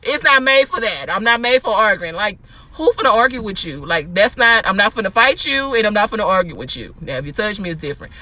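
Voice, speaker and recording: A woman in casual spoken advice, chatty and animated, acting out quotes. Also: mid-range voice, fast talker, no room sound. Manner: chatty, animated, laughs often, acts out quotes. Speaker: host.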